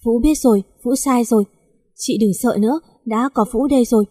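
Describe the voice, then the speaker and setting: A woman's voice: a little high, brisk, dark tone, breathy edge, no room sound, studio quality. A woman reading the lines of a remorseful young man who talks to his beloved in a tender, pleading way.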